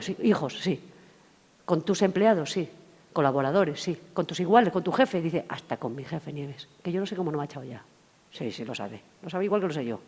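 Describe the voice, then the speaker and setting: Woman trainer speaking to a room, quick lowish voice, echo of a big hall. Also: a little mellow. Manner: storytelling, acting out dialogue. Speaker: communication trainer. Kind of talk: lively talk to an audience. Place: conference hall. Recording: reverberant hall.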